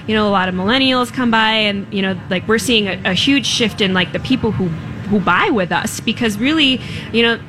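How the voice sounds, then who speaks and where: A woman's voice: medium pitch, fairly quick. A woman speaking as an interview guest in an earnest, meandering, casual way. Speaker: guest, small-shop owner. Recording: noisy live fair broadcast.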